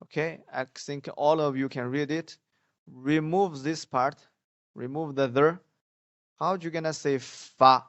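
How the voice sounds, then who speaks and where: A man teaching beginners pronunciation, drilling sounds patiently and often saying example syllables loudly. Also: on the high side, fairly even intonation, measured pace, no echo. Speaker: Mandarin teacher. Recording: dull lo-fi dry sound.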